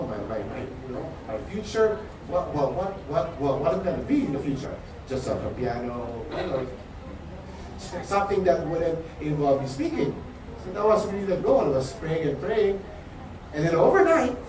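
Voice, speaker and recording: Filipino man, stammers through his story, distant and echoey, noisy hall. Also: fairly high pitch. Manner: stammering, many repeated words. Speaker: speaker at a company event. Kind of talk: personal success story.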